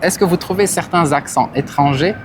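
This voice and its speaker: Woman street interviewer: low, animated voice, outdoor noise behind. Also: a little fast. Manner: brief prompts, short laughs.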